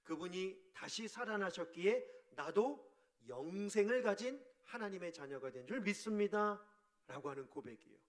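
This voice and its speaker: A man preaching as a pastor, asking his congregation questions, sometimes shouting out quoted voices and sometimes dropping to a soft murmur. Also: sits high, normal speed. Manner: animated, acts out quoted voices with sudden shouts; drops to a soft near-murmur on key words. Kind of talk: sermon.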